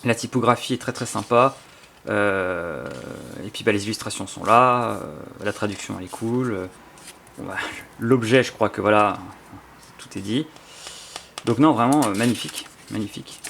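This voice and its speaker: Gravelly-voiced Frenchman chatting over an unboxing. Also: fairly low pitch, normal speed, fairly bright tone, a little hiss or hum. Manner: rambling, enthusiastic, many fillers and restarts. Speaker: YouTuber presenting his book collection. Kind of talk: casual spontaneous unboxing chat.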